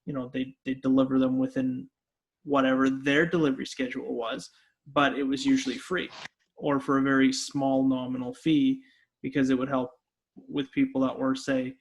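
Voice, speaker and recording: A man co-hosting a podcast, explaining things and giving announcements in a steady, plain way. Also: mid-range voice, normal speed, breathy edge. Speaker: podcast co-host. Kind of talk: casual chat.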